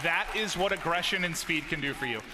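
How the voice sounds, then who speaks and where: High-pitched male esports caster, punchy delivery. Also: brisk, crowd noise, noisy background. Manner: emphatic, punchy short phrases. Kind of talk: excited esports caster commentary.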